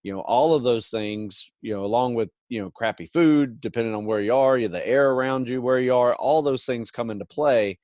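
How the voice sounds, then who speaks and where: A middle-aged podcast host talks at a somewhat fast clip with hardly any pauses, his medium-pitched voice darkish in tone. Agreeable and advisory, he leans heavily on "you know" fillers in a loose, casual conversation, recorded dry with dull audio.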